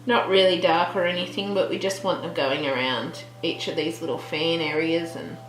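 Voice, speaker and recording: A woman hosting a relaxed real-time colouring tutorial, chatting and thinking aloud with trailing restarts as she works. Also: low-pitched, moderate pace, slight background noise. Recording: roomy echo with faint background music.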